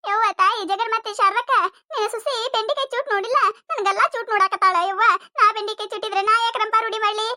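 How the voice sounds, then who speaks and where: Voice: extremely high pitch, fairly even intonation, quick pace, bright, forceful tone, heavily acted. A voice actor playing a wailing, complaining village vegetable seller with a North Karnataka accent in a cartoon comedy.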